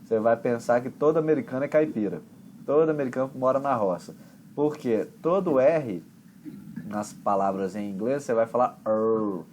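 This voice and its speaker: A man with a Brazilian accent, an English teacher explaining pronunciation in a chatty, relaxed way with homely examples. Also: mid-range voice, normal speed, a little hiss or hum. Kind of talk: conversation class explanation.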